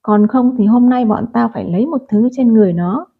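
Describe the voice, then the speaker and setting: A woman's voice: fairly high pitch, brisk, gravelly, breathy edge. A woman voicing a brutal male loan-shark gang boss who hurls crude, abusive threats in a storybook reading. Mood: menacing. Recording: tinny phone-like audio.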